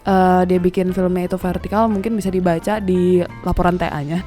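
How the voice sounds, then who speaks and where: A woman, co-hosting a film review in casual, animated banter. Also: fairly low pitch, a little fast, faint music behind. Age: 20s. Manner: animated, laughs often, slangy Jakarta-style banter. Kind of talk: casual chat.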